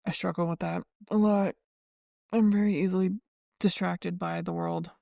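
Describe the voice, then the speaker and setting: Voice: medium pitch, fairly even intonation, normal speed, gravelly, dark tone, no room sound, clean studio sound. A podcast co-host talking candidly and self-deprecatingly in a casual faith chat.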